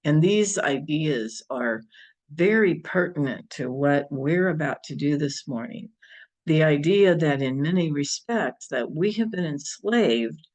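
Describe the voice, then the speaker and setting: A man giving a spiritual talk and guided affirmation as a service leader, with measured, deliberate phrasing. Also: medium pitch, lively intonation, a little mellow. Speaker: spiritual service speaker leading a ceremony.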